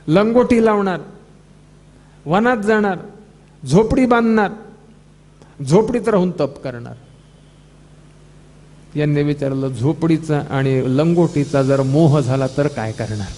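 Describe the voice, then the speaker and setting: A man with a Marathi accent giving a devotional discourse, telling a parable and acting out the characters' lines in animated quoted dialogue. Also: high-pitched, long reverb tail. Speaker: scripture discourse speaker.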